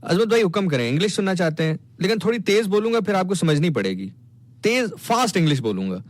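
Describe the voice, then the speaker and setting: A man's voice: high-pitched, very animated, fast talker, no echo. A man hosting a live stream, chatting casually as he reads out viewer comments, playful and teasing, often stammering and restarting. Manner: playful, teasing, mock-indignant.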